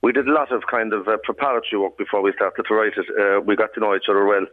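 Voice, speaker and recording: Tinny phone line, Irish man, Kerry accent, lilting storyteller, quick pace, wry. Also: on the low side, fairly even intonation. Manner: wry, colloquial. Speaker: writer and interview guest. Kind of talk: lilting, anecdotal storytelling in casual chat. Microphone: telephone.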